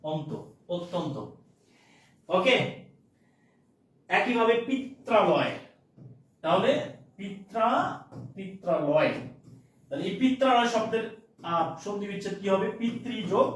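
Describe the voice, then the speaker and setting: A man's voice: high voice, heavy reverb, distant mic, poor audio. A man teaching a grammar lesson, repeating key words and checking often whether his listeners follow.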